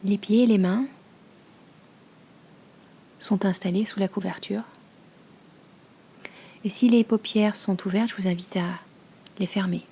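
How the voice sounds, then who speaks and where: Her mid-range voice stays fairly even in intonation as she guides a meditation, a yoga nidra teacher talking slowly, breathily and soothingly in a hush with long pauses.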